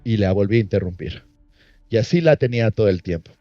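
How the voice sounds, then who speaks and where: A man leads a workshop and acts out conversations with a client as he teaches. His voice is dark and mellow. The recording sounds muffled, with faint music behind him. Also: on the low side, expressive, quick pace, no room sound. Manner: storytelling, acting out client dialogue. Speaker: NLP trainer.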